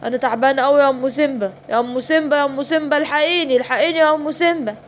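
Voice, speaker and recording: Brief: woman doing a worried dad lion, Egyptian, storybook, high-set voice. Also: fairly even intonation, racing, a little hiss or hum, lightly acted. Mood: complaining. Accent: Egyptian Arabic. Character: father lion, weary and kind. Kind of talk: children's bedtime story voicing.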